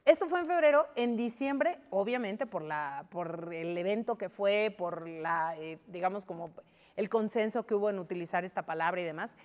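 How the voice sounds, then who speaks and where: A Mexican woman in her forties explaining her points in a lively studio debate, full of rhetorical questions. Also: medium pitch, moderate pace, in a large hall. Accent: Mexican Spanish. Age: 40s. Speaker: guest.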